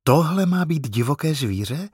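A gentle, wondering mother from a storybook, as a man puts her on, in a lifted, lilting voice. The reading sounds close and dry. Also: on the high side, lively intonation, breathy edge, no room sound, pitched above the performer's own voice. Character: kind, surprised young mother.

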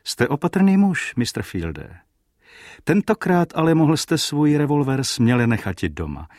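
A man voicing a polite, assured elderly gentleman detective in an audiobook reading, with a husky voice. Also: on the high side, sing-song, no room sound, studio quality, pitched above the performer's own voice. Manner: polite, measured questioning. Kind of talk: audiobook character voice.

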